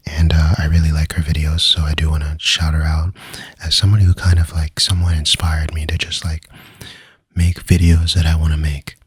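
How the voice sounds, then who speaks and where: Soft breathy low-voiced man doing ASMR. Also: level tone, a little fast, no echo. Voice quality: soft, breathy, often whispered. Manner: casual, rambling, hesitant. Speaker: ASMR video creator. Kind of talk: soft-spoken ASMR, slipping in and out of whispering.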